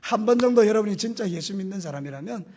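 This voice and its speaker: A male pastor preaching a sermon, animated and putting questions to the congregation, with folksy, humorous stories. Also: high voice, fast.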